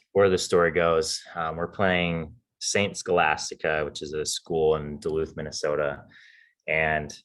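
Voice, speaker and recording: A male podcast co-host telling stories in a relaxed, casual way and chuckling along. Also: rumbling low. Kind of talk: casual storytelling chat.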